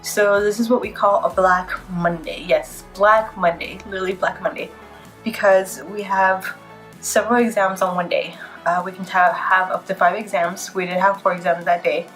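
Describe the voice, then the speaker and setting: Faint music sits behind this casual vlog to camera from a woman in her twenties, a PA student who is congested from a cold and sounds a bit tired. She has a mid-range, steady, fairly bright voice and talks at a normal speed.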